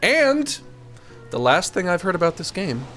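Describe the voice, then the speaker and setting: A man's voice: big pitch swings, measured pace, bright, forceful tone. Guy streamer rambling and joking, hissy s sounds on a close studio mic, some music under him. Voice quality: strong sibilance, hissy highs from the mic. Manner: rambling, joking, chuckles at own jokes. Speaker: video game streamer. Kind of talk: casual livestream chat. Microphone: expensive large-diaphragm studio condenser microphone.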